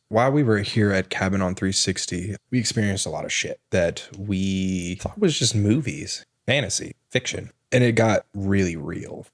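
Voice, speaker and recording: Lowish-voiced man chatting and explaining. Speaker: paranormal investigator, podcast guest. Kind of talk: casual explanatory chat.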